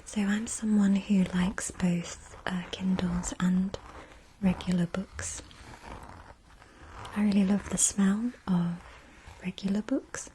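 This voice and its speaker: A woman's voice: medium pitch, level tone. Whispering ASMR woman, noisy clicky recording. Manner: soft unvoiced whispering, gentle and unhurried. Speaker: ASMR video creator.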